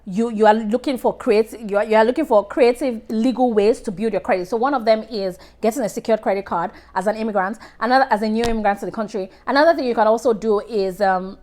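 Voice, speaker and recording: A woman's voice: on the high side, fast, few pauses, a little mellow. A woman giving casual money advice to camera in a direct, chatty way, often restarting her sentences and calling on viewers by name. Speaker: personal finance vlogger.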